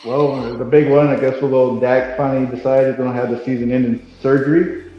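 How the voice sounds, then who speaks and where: A podcast co-host chats casually with fans over a video call, loose and easygoing, his voice fairly flat in pitch and a little fast. He sits in a half-empty, newly painted room still being set up, so booming hall echo rings around him. The lo-fi audio sounds dull, with faint music underneath.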